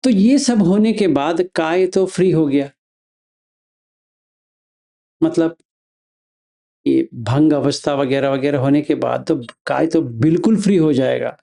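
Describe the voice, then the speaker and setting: Male meditation teacher, unhurried step-by-step delivery, dark gravelly tone. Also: on the high side. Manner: slow, step-by-step instruction. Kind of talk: explaining meditation practice.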